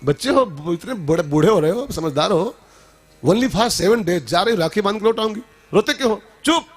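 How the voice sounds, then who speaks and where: A man doing a brisk scolding wife. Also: sits high, animated, voice pushed up. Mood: chiding. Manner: brisk, chiding, mock-stern. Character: scolding wife seeing off her tearful husband.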